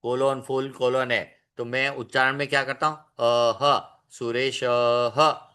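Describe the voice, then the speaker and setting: A man teaching an online class, stretching out words slowly to show how they are pronounced and slipping in English phrases. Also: mid-range voice, little pitch movement, pushed and bright, clear, resonant tone. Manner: slow, drawn-out demonstration of pronunciation. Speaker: Sanskrit teacher.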